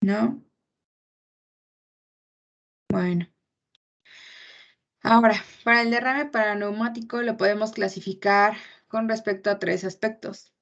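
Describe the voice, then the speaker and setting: Young woman calmly explaining medical content. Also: medium pitch, creaky. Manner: measured, explanatory, with frequent fillers. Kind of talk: medical class presentation. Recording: muffled lo-fi recording.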